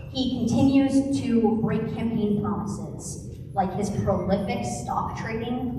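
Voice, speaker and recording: Woman host, rallying town hall welcome, echoey room, distant mic. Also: mid-range voice. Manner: rallying, thankful. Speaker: event host. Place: large college event room. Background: room noise.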